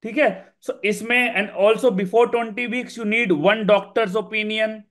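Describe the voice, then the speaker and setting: A man with a North Indian accent and a high-pitched voice teaches in an informal way. He drives points home by repeating key phrases, slipping between English and Hindi as he explains. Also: fairly even intonation, quick pace, fairly bright tone. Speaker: medical exam instructor.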